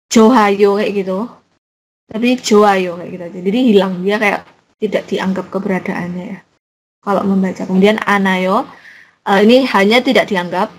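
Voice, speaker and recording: Young woman, casual language teacher, chatty and self-correcting, mid-pitched, faint noise behind. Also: poor audio. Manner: chatty, explains with many fillers and self-corrections. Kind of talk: casual online lecture.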